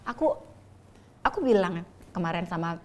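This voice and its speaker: A woman's voice: lowish voice, lively intonation, normal speed, a little mellow, a little hiss or hum. A woman guest telling her faith story in a candid, chatty way, laughing between phrases. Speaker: interview guest. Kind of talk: casual faith testimony.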